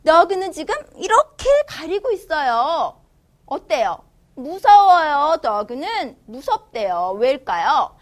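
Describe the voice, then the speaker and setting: A woman's voice: high voice, big pitch swings, a little slow. A woman tutor reads a children's picture book aloud and explains it in a playful, exclamatory teaching manner. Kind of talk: storybook read-aloud with explanation.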